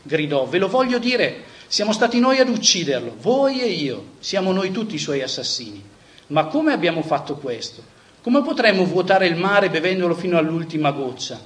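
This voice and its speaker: A man's voice: fairly high pitch, animated, normal speed, close to an everyday voice. A man reading aloud the lines of a frantic madman who cries out to a crowd, in a raised, impassioned voice.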